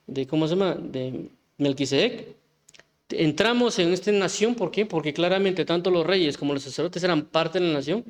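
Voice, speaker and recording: A man gives an informal sermon, his voice sitting a little higher than most men's. He talks conversationally, stopping to restart phrases and tossing out rhetorical questions to his listeners. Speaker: preacher.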